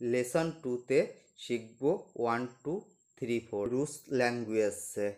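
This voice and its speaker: A man leads a pronunciation lesson at a very slow pace. He repeats each word two or three times, stretching the sounds so learners can follow. His voice sits at an ordinary middle pitch. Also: background noise. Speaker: language teacher.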